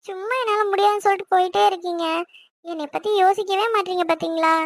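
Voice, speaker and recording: A woman voicing a young wife in an animated series, arguing and pleading quickly and insistently. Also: very high voice, no room sound. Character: young wife, stubborn and outspoken.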